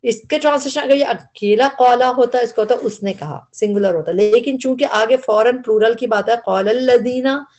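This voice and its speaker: A woman's voice: on the high side, moderate pace, hardly any pauses, darkish tone, muffled recording. A woman with an Urdu accent teaching a word-by-word translation lesson, explaining grammar patiently and repeating each word.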